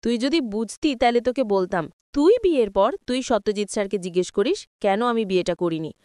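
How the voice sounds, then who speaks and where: A woman's voice: medium pitch, expressive, a little fast, a little mellow, smooth, no room sound, studio quality, natural voice. A woman voicing a spirited, dutiful young woman in a storybook retelling of a TV serial, teasing and affectionate in her talk.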